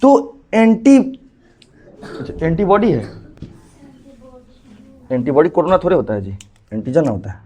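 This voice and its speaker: High-voiced teacher. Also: male voice, big pitch swings, a little slow, long pauses, darkish tone. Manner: asks the class questions, scolds, acts out the body with sound effects. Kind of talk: classroom lecture.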